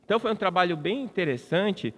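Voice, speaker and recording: A Brazilian man with a somewhat high voice delivers a spiritist lecture at a congress. He talks conversationally, restarting phrases and tagging questions onto his points. His voice rings out with a long reverb from the large hall. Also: animated, fast. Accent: Brazilian Portuguese.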